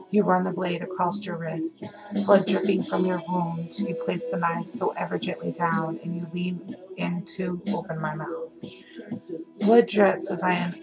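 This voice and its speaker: A woman's voice: on the low side, gravelly. A young woman fan speaking a hesitant, emotional message with many fillers, then reading her own poem aloud.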